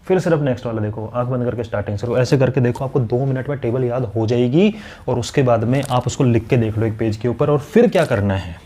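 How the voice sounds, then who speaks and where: Here a man with a mellow, medium-pitched voice gives a maths lesson to camera in a direct teacher's style, coaching his students and telling them off. He plays out what the students say and runs through multiplication tables at speed.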